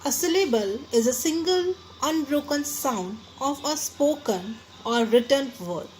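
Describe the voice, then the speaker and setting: A woman with an Indian English accent teaching a grammar lesson, explaining slowly in English, then quickly in Hindi, and stressing each example word. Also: high voice, expressive, darkish tone, a little hiss or hum. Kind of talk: classroom lesson.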